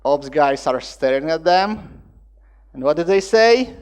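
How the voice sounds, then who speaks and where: A man from Latvia, giving a conference talk in a lively storytelling way with phrasing. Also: a little high, unhurried, smooth. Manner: lively storytelling with acted-out dialogue and non-native phrasing. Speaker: conference speaker.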